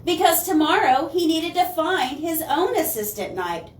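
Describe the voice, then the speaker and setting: Reading a kids' story in a sing-song, high, unhurried voice, a children's librarian hams up certain words and speaks directly to her little listeners now and then. It's a lively storytime session captured by a far-off mic in a roomy, echoing space with a little background noise.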